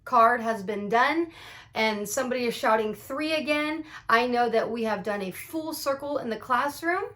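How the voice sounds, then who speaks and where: A woman's voice: fairly high pitch, moderate pace, a bit bright. A woman teacher explaining how a classroom icebreaker works, upbeat, walking through examples and acting out steps. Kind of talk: instructional explainer video.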